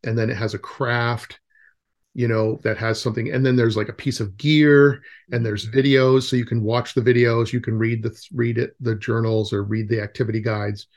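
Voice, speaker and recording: Man guest, outdoor educator; lively and chatty, breaks into voices for kids and parents. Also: medium pitch, moderate pace. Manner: animated, acts out quoted voices of kids and parents. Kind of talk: casual podcast conversation.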